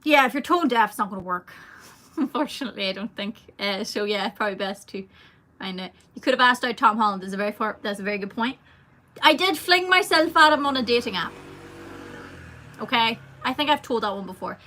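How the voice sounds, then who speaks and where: Reading viewer comments in a casual livestream Q&A, the young adult singer talks briskly with lively intonation, her fairly high voice sharp in tone. She rambles and leans on lots of fillers.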